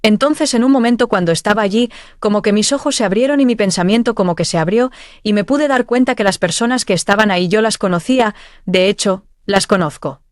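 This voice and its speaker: A woman's voice: medium pitch, a little fast, no room sound, studio quality. A woman telling of a dream vision at church, earnest and heartfelt. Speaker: church member giving testimony.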